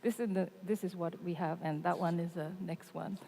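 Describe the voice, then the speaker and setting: A woman's voice: lowish voice, steady tone, normal speed, vocal fry, warm tone. A woman moderating a conference panel, earnest, with nervous laughs and fillers. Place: large conference hall. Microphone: handheld microphone. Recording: echoey conference hall.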